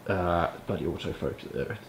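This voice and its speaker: A British man with a deep voice speaks at a normal speed, chatting casually to camera about his pipes and tobacco. Like a hobby vlogger, he rambles in colloquial language and drops the occasional mild swear word. The recording is echoey and roomy, with faint noise behind him.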